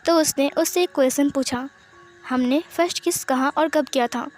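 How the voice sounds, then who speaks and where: Woman, high voice, casual storytelling, soft music behind. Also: normal speed. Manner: voices all characters herself, with fillers and restarts. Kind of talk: casual narration of fan fiction.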